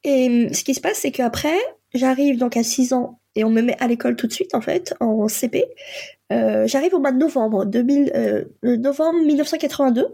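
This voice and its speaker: A Polish-born woman in her forties, a guest who works as a coach and psychotherapist, tells her own story as reflective personal testimony. She speaks haltingly with many pauses and fillers. Her voice is a little high, creaky and mellow.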